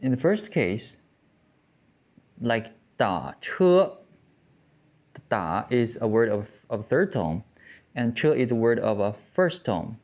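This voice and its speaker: A man teaching Mandarin tones, explaining slowly with frequent restarts and pauses. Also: medium pitch, very animated, a little mellow. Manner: halting, with many restarts and fillers. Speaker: Chinese language teacher. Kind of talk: slow explanatory lesson.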